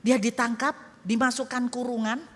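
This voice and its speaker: A woman pastor preaching in a lively storytelling style, turning often to address her congregation directly. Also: on the high side, normal speed. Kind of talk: storytelling sermon. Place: church hall. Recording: echoey church hall.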